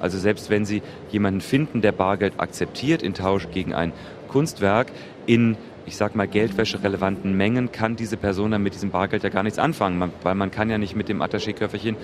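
A man giving measured, formally worded interview answers as an executive. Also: lowish voice, fairly even intonation. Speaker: art trade executive being interviewed. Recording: clear background noise.

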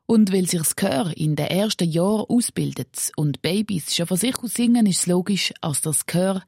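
A woman with a Swiss German accent presents a radio feature, reading scripted narration and putting questions to a guest in a measured tone. Her voice sits fairly low and is husky, recorded dry with faint music underneath. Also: darkish tone, no room sound. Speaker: radio reporter.

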